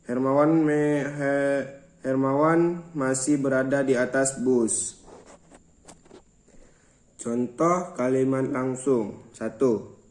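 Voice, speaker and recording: A man's voice: mid-range voice, darkish tone, roomy sound, poor audio. A young man reading a grammar lesson aloud from notes, listing points by number and now and then stumbling and restarting a word.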